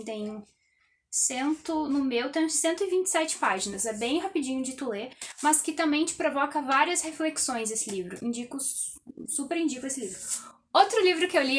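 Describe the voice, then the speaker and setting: Chatty high-voiced woman. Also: a little hiss or hum. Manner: chatty, many fillers and asides. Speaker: book vlogger. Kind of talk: casual book review vlog.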